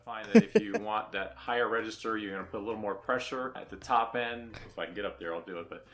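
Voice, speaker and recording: A man's voice: on the low side, fast talker. A man casually explaining a vocal technique, as an instructor.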